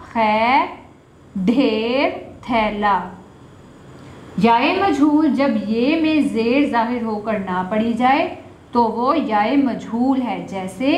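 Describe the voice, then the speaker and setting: A woman teacher with a Pakistani Urdu accent, slowly spelling words aloud for children, in an echoey room on dull lo-fi audio. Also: fairly high pitch, slight background noise. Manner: slow, drawn-out word-by-word spelling. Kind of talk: children's reading lesson.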